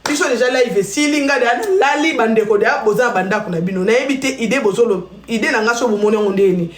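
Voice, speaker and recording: A woman from Congo (DRC) hosts a casual live stream, chatting and telling stories directly to her viewers. Her voice is slightly high and quick, with a reverberant sound.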